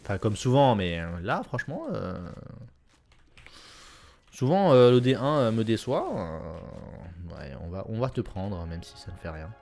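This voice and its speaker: A young man casually commenting on his own video game run, chatty and self-correcting with sudden excited bursts. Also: on the low side, measured pace, creaky. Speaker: gameplay commentator. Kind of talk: casual let's-play commentary.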